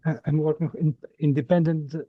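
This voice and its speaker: Halting man. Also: a little high, level tone, no room sound, phone-quality sound. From Greece. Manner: halting, searching for words. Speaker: customs officer. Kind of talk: introducing himself in class. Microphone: video call.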